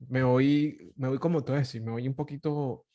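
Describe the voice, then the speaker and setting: A man with a Caracas Venezuelan Spanish accent hosts a podcast in loose conversation. His pitch sits in the middle of the male range. He talks animatedly, laughs often, and restarts phrases with fillers. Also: steady tone, brisk, mellow. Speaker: podcast host. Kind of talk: casual conversation.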